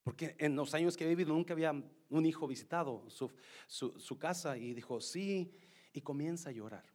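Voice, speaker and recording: A man's voice: a little high, normal speed. Man preaching, slipping in English words. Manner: shifts from loud reading to soft storytelling; mixes English words into Spanish. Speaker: pastor. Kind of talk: sermon with personal story.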